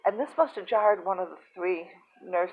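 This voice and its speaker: A woman telling a personal story in a halting, soft-spoken, emotional way. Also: fairly low pitch, lively intonation, slight background noise. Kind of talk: casual first-person storytelling. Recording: tinny phone-like sound.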